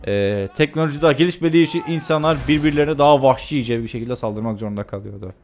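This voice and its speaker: With a mid-range voice and quick delivery, a young man jokes and chats his way through casual let's-play commentary on a video game, dropping many filler sounds. There is slight background noise.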